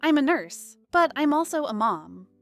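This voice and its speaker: Woman, story narrator, fairly high voice, very lively melody, faint music behind. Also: moderate pace. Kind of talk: scripted narration.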